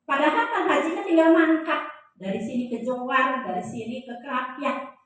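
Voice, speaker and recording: A woman's voice: high-pitched, moderate pace, fairly bright tone. A woman lecturer teaching a class in a joking way, quizzing her audience with questions. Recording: very echoey room, voice heard from a distance.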